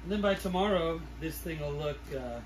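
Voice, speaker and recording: A middle-aged man with a sick, congested throat, giving a casual hands-on demonstration in a halting mutter as he works. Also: on the high side. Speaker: food-storage vlogger. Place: small living room, indoors. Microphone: camera a few feet away. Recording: distant camera mic, clearly noisy room.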